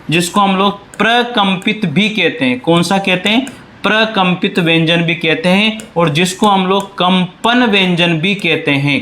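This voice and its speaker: Male tutor, Rajasthani Hindi accent, high voice, drills terms with repeated questions. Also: a bit bright. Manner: addresses students as companions, reassuring. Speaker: Hindi grammar teacher. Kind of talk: classroom lecture.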